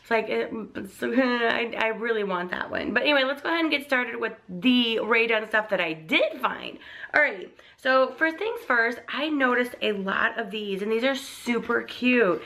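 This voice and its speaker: Bright and pushed, this young woman's voice is a little high, with lively intonation and a moderate pace. She's a vlogger getting over laryngitis, a bit crackly, chatting in a gushing, casual way about her shopping haul and dropping frequent likes and ums.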